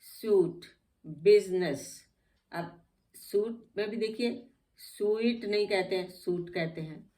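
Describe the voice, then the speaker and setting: A woman's voice: medium pitch, slow, dark tone. A woman teaching English spelling rules, patiently spelling out each word letter by letter. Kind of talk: spelling lesson explained in Hindi.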